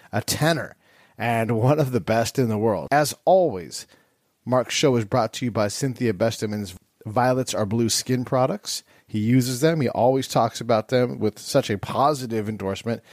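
A man's voice: lowish voice, dry recording, clean studio sound. A man filling in as host, reading a scripted podcast introduction in an upbeat announcer manner.

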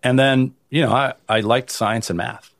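This Italian-born man, a venture capital investor, gives casual interview answers as a guest in a mid-range, slightly bright voice with a steady tone and moderate pace. He restarts frequently and keeps saying "you know". The audio is studio quality, with no echo.

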